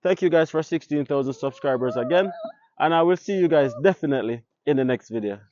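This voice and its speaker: Fast and expressive, a Jamaican vlogger whose native tongue is Patois addresses the camera casually, asking his audience rhetorical questions. The voice sits on the high side and is a little mellow, with no echo and the highs cut off.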